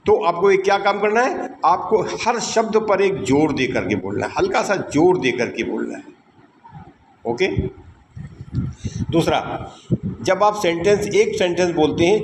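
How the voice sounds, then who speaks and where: A man with an Indian accent teaching spoken English, stressing each word deliberately and switching between Hindi and English. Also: sits high. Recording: echoey room with background noise.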